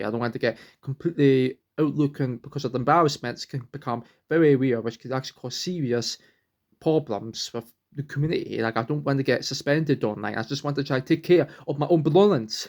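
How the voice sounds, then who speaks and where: A young man vlogs from home in a rambling, earnest way, restarting sentences as he hunts for words. His voice is mid-range with a darkish tone.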